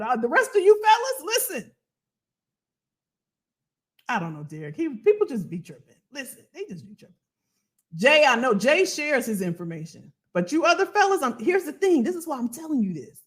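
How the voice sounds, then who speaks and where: A woman hosting a casual livestream as a financial coach, animated and colloquial, repeating phrases for emphasis. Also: sits high, normal speed. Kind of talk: casual livestream talk to viewers.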